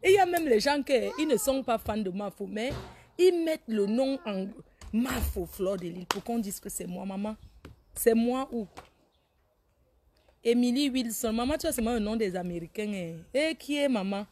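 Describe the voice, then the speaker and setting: Animated woman chatting on a live stream. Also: on the high side, normal speed. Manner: animated, teasing, laughs often, scolds viewers. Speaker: Facebook live host. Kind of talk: casual live-stream chat reading viewer names.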